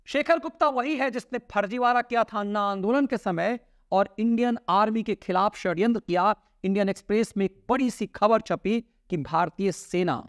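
Middle-aged guy ranting news commentary at his desk, highish voice, dry close lapel mic, punchy drops at line ends. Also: no echo. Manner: emphatic, swinging pitch with sharp drops at phrase ends. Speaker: political commentator and show host. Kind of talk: opinionated news commentary to camera. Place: indoor studio with virtual set. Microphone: lapel mic, seated at desk.

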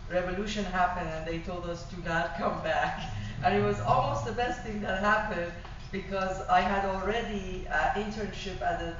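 A middle-aged woman from Iran with a Persian accent, giving an animated sales presentation about private travel to a small audience. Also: lowish voice, background noise. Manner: animated, gesturing, with frequent fillers and restarts. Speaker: tour operator presenter. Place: small function room. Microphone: far room camera. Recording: distant, echoey, dull room recording.

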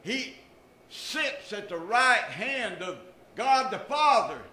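A man's voice: high voice, sing-song, slow, pushed and bright. An older man preaching a sermon from a church pulpit, with emphatic rises and drops in his voice. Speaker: pastor. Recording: echoey church room.

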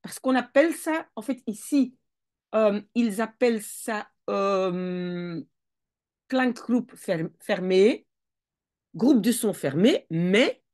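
A woman's voice: mid-range voice, expressive, takes it slowly, darkish tone. A woman teaching Dutch spelling rules, explaining step by step and often correcting herself as she thinks aloud. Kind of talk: casual explanatory lesson.

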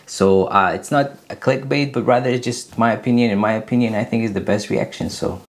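A man in his thirties from Afghanistan, hosting his own channel and answering viewer questions in a casual, earnest way with many pauses. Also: medium pitch, fairly even intonation. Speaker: YouTube channel host. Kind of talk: casual Q&A to camera. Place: small room indoors. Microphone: camera at desk distance, seated.

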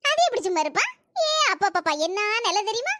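Geetha, shrill Kanyakumari gossip voiced for a cartoon. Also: very animated, fast, heavy background noise. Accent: Kanyakumari Tamil. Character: gossipy village housewife neighbor, middle-aged woman. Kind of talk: cartoon comedy voice acting.

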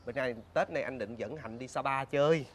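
A man's voice: mid-range voice, brisk, slight background noise. A man acting a neighbor in a comedy sketch, persuasive and enthusiastic. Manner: persuasive, enthusiastic, repeats words.

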